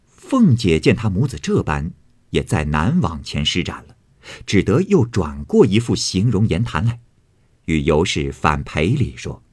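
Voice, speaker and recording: A man narrating a classic novel as an expressive, dramatic storytelling reading. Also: sits low, unhurried, slightly rough, no room sound.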